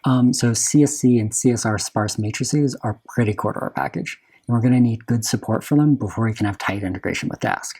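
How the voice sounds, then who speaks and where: Slightly husky man presenting a technical talk. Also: medium pitch, a little fast, a little mellow. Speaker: software developer presenting a conference talk.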